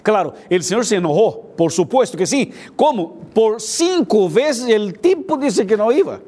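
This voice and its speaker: A man's voice: sits high, expressive, normal speed, warm tone. A man preaching a sermon, retelling a Bible story and often checking in with his listeners through questions. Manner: repetitive, asks listeners "ok?" and "viste?".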